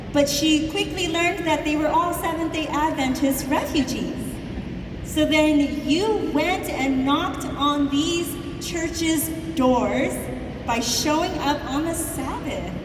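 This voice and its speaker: High-voiced woman interviewer in echoey hall. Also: background noise. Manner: leading, summarizing, prompting questions. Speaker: interviewer on stage. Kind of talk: conference stage interview. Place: large convention hall. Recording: echoey hall, distant mic, music.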